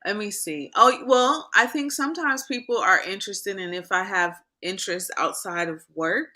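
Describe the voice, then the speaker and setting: A woman chef being interviewed, telling stories in a chatty, animated way with frequent ums. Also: mid-range voice, moderate pace. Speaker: chef guest. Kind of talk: casual interview chat.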